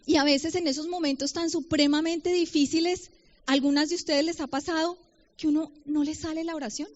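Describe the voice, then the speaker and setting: A middle-aged Colombian woman giving a personal testimony sermon to a women's gathering, with humor between slow readings of scripture. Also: sits high. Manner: personal testimony with humor, reads Bible verses slowly. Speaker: women's ministry speaker. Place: conference hall. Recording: dull lo-fi event recording.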